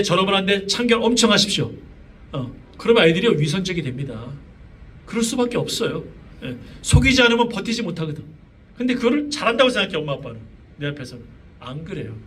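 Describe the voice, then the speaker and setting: A middle-aged man preaching a sermon with a high, light voice, asking the congregation one question after another and talking in a loose, chatty way. He sounds set back from the microphone, and a faint hum of the room sits under his words. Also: a bit bright. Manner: conversational preaching with many fillers and rhetorical questions. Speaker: pastor. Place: church sanctuary. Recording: voice from a distance, faint room noise.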